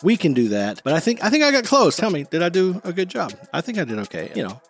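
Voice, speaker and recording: Fast-talking man, acting coach. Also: sits high, wildly swooping pitch, soft background music. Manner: chatty, self-deprecating, rambling asides. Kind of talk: casual reaction commentary.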